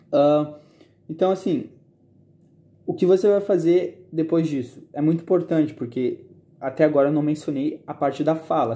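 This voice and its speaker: Young guy from southern brazil giving study tips, kinda high voice but super warm and dark, keeps checking in with viewers. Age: 20s. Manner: chatty, often checks in with listeners. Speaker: university student sharing study tips. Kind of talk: casual how-to vlog.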